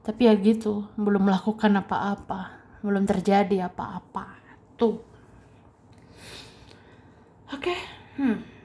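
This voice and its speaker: A young woman giving a casual tarot card reading, repeating phrases and chuckling softly as she goes. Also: mid-range voice, fairly even intonation. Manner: slow, repetitive phrasing with soft chuckles. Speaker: tarot reader.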